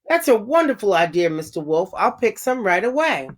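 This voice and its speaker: A woman voicing a sweet, trusting little girl who speaks brightly and eagerly in a storybook read-aloud. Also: medium pitch, sing-song, normal speed. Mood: cheerful. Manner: bright, eager and innocent, with wide-eyed questions.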